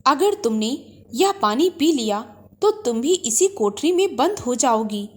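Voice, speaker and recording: A young man held captive, who hurries out secret warnings, played by a woman storyteller. The voice stays high and lively, and the reading is slow and deliberate. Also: heavily acted. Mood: urgent whisper. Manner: hushed, urgent warnings.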